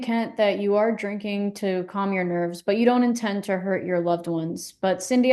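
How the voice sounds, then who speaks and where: A calm female couples therapist, acted by a woman in a role-play session. Her voice is mellow and soft-edged at a middle pitch. She speaks in a measured, validating way and probes gently. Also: lightly acted.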